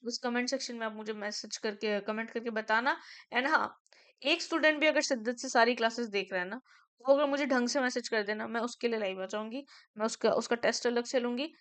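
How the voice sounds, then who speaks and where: A young woman with an Indian accent teaches an online class in a rapid, drilling style, echoing key terms over and over. Her voice is smooth and crisp and sits a little high. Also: fairly bright tone. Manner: fast-talking, repeats terms to drill them. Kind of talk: online lecture mixing Hindi and English.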